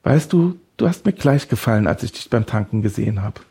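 A man's voice: fairly low pitch, lively intonation, fairly quick, dark tone, breathy edge, exaggerated voice. A man voicing a deranged male woodcutter who holds someone captive, taunting and smug, then creepily tender. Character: deranged male woodcutter kidnapper, mocking and obsessive.

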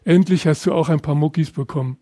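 Man reading a teenage best friend from a storybook: calm, plain, reassuring, with a mellow and slightly high voice. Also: fast talker, no room sound, studio quality, close to an everyday voice. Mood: teasing.

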